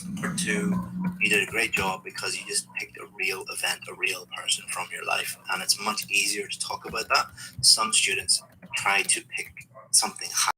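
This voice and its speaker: A man with a very low voice, giving patient feedback as a speaking examiner. He sounds encouraging and explains each point. Steady background noise sits behind him. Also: normal speed, rough recording. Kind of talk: giving spoken exam feedback.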